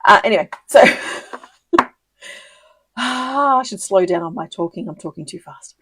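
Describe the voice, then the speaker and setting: Hosting a casual live video tutorial, a woman demonstrates papercraft, chatty and giggly, with plenty of ums and self-corrections. Her voice sits slightly low, and the recording is dry and close with no room sound.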